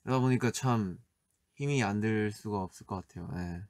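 Brief: a laid-back man hosting a birthday live stream, quiet and soft-spoken, answering comments between easy laughs. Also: lowish voice, fairly quick, no echo.

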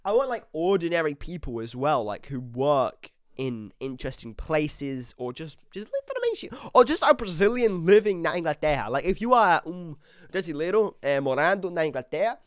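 An excitable young man hosts his own podcast, dropping in clumsy Portuguese as he goes. His pitch swings widely between words, and the recording is close and dry with no room sound. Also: moderate pace, dry recording. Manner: excitable, mixes broken Portuguese into English. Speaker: podcast host. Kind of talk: casual solo podcast chat. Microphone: desk mic on camera.

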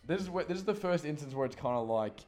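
A man's voice: on the high side, animated, fast, a little mellow. A man, casually recapping a horror film scene by scene on a podcast, rambling and swearing freely. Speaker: podcast co-host.

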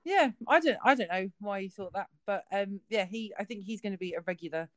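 A woman's voice: medium pitch, fairly quick, no room sound. A woman in her late thirties with a southern English accent, co-hosting a casual podcast chat and telling rambling anecdotes full of ums. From south of England. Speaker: podcast co-host.

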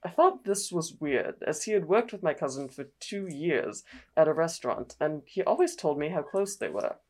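A woman's voice: low-pitched, very animated, moderate pace. A woman reading a young man's post aloud in a comic put-on accent, loosely Australian and drifting toward northern English. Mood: earnest retelling. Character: young man telling his story in a put-on accent.

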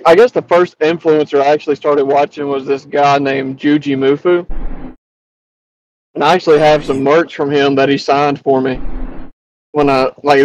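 A man's voice: fairly high pitch, a little mellow, lo-fi sound. A young man co-hosting a podcast, chatting in an easygoing, matter-of-fact way. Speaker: podcast co-host. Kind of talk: casual chat.

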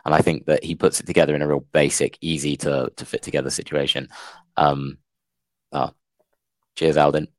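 Deep-voiced young male co-host, thoughtful and hesitant, close dry mic. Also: normal speed, long pauses, no room sound. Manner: calm, reflective, hesitant with fillers. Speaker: podcast co-host. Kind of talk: casual podcast chat.

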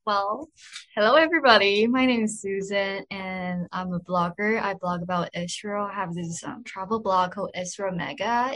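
A young woman from Taiwan, a blogger, answering interview questions in a soft voice with frequent ums and "you know". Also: mid-range voice, rough recording. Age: young adult. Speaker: guest, blogger.

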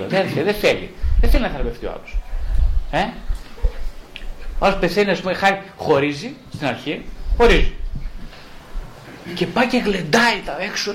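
A male psychotherapist explaining in an interview, animated and wry, acting out his patients' words. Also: high-pitched, rough recording. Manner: animated storyteller who acts out patients' lines; wry and mocking.

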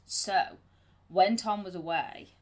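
A woman's voice: medium pitch, slow, darkish tone. A woman co-hosting a casual podcast chat, telling stories and acting out quotes in an amateur home recording. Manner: chatty, storytelling, acts out quotes. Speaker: podcast co-host. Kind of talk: casual chat about anxiety.

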